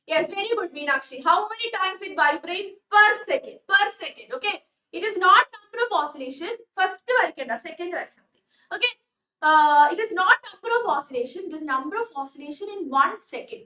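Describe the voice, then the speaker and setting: Young Malayali woman tutor, very high and unhurried, coaxing and always checking understanding. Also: sharp tone, echoey room, recorded from a distance. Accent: Malayali English. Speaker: online tuition teacher. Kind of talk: live online class, mixing Malayalam and English.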